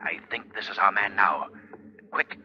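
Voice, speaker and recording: An actor playing a suave, menacing unseen crime-fighter in deliberate, theatrical 1930s radio style. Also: male voice, low-pitched, a little hiss or hum. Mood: sinister, commanding. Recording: dull 1930s radio recording.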